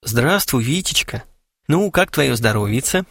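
A sly, mocking young schemer from an audiobook, his speech lively and swinging with sarcasm. A male reader voices him. The sound is dry and close. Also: medium pitch, unhurried, vocal fry, no echo, full character voice. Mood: teasing. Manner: teasing, sarcastic. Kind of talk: audiobook character voice.

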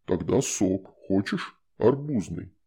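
A sinister shadow spirit, put on by a male audiobook narrator, that coaxes a child with slow, persuasive bargaining. The voice sits low, dark and gravelly, with a husky edge. It sounds like a spirit that is sure of getting its way. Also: animated, exaggerated voice. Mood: coaxing. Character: sinister coaxing shadow spirit, female, scheming. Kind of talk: audiobook character voice.

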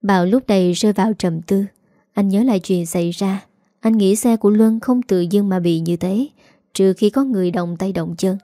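Mellow-voiced woman reading a story. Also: mid-range voice, moderate pace, no echo, studio quality. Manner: reads all characters in one even voice. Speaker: narrator. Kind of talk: storytelling narration.

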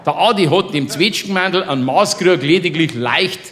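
Bavarian male comic storyteller, slightly high voice, boisterous, laughs through his own yarn, chummy asides. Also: normal speed, a bit bright. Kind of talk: comic monologue in dialect.

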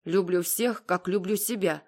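A stubborn young girl who talks coldly and without feeling, in a level monotone, as a woman reading a story gives her voice. Her voice sits low and unbothered, in a storybook reading. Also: a little slow. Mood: flat. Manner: monotone, indifferent. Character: stubborn indifferent young girl, cold and flat.

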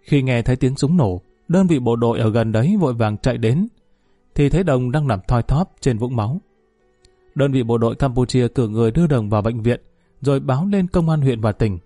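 A man reading a story aloud in a steady, even narrating voice. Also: mid-range voice, fairly quick, no echo, soft background music. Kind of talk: scripted narration.

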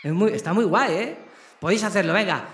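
High-voiced man hyping a kids' concert. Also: animated, fairly quick, fairly bright tone. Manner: playful, coaxing, asks the crowd questions. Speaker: children's concert singer. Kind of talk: live concert banter to a crowd of kids. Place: concert stage. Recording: echoey live stage with music.

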